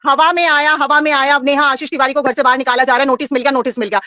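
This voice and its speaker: A woman's voice: high-pitched, steady tone, racing, bright, forceful tone, dry recording, muffled recording. A woman in a heated live-stream debate, defensive and repeating herself as she talks over others. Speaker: YouTuber guest on a live panel.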